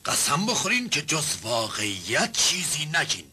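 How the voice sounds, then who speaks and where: An actor playing a stern, pompous nobleman who presides as judge, pedantic and quick to demand silence. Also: a little high, very animated, pushed and bright, breathy edge, heavily acted. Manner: pedantic, orders silence, corrects words.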